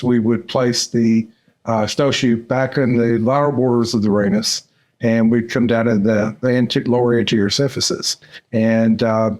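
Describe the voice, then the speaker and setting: Older man from Arkansas, unhurried. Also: medium pitch, a little mellow. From Central Arkansas, USA. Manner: unhurried, with many "uh" fillers. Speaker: dental surgeon and course mentor. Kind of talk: podcast interview.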